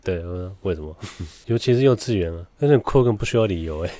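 Fast-talking Taiwanese man, laughing storyteller. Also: low voice, animated, no room sound. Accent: Taiwanese Mandarin. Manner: swears casually, laughs often, acts out quotes loudly. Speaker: podcast host. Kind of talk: casual storytelling chat.

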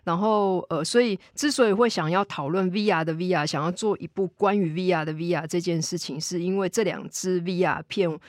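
A woman with a fairly low voice and a Taiwanese Mandarin accent speaks fairly quickly with few pauses as a podcast guest, a film and VR director. She explains things casually, step by step, often circling back over what she said. The studio recording is clean, without echo.

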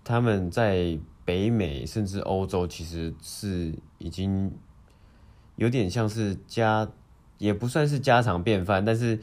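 A man co-hosting a casual news talk, halting and repeating phrases, mixing in English words. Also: on the low side, a little mellow. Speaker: podcast co-host.

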